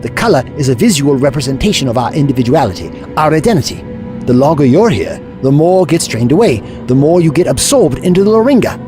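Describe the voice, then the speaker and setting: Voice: medium pitch, big pitch swings, quick pace, over music, natural voice. A performer in an audio drama playing the Doctor, an eccentric, kindly time traveller who explains things in a wordy, scholarly way. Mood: earnest, explaining.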